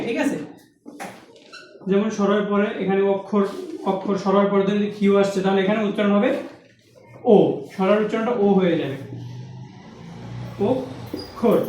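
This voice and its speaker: A male teacher explaining pronunciation rules to students, asking them questions and slowly repeating example words. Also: high voice, distant mic. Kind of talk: Bengali pronunciation lesson. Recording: very echoey room with faint noise.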